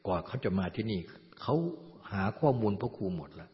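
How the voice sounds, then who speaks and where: Male Buddhist teacher, calm and steady, lo-fi recording in a reverberant hall. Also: fairly low pitch, fairly quick. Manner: calm, repeats a gentle "na" between points. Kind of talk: dharma talk. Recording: dull lo-fi sound, long hall reverb.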